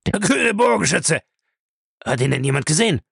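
A man's voice: fairly high pitch, animated, normal speed, gravelly, fairly bright tone, no room sound, studio quality, voice pushed up, exaggerated voice. A man reading a novel aloud, voicing an irascible, domineering old man who demands answers. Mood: bargaining, gruff.

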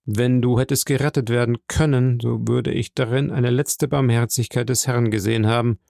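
A man voicing a stern, solemn nobleman who speaks slowly and gravely. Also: medium pitch, fairly even intonation, warm tone, no echo, studio quality, natural voice. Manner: slow, grave, measured.

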